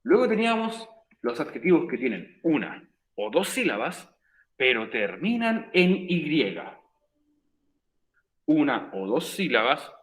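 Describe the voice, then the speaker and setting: A man's voice: a little high, very animated, a little slow, pauses often, fairly bright tone. A man teaching an English class, patiently repeating the rules step by step. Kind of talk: recorded virtual class explanation.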